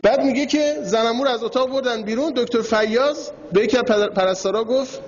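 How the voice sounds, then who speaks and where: A man's voice: extremely high pitch, slight background noise. A man giving a religious lecture, telling a story and speaking directly to his audience. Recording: dull lo-fi recording in a reverberant hall.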